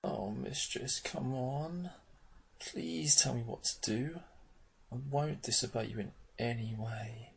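A pleading, whiny young servant of a man, put on by a woman in a very deep, gravelly voice. He draws his words out slowly and begs constantly. Parts drop to a hoarse whisper. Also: slight background noise, full character voice.

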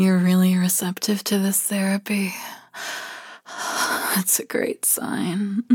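A woman in an intimate ASMR roleplay, speaking in a soft murmuring whisper with hums and sighs. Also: mid-range voice, husky, dry recording, clean studio sound. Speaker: roleplay narrator.

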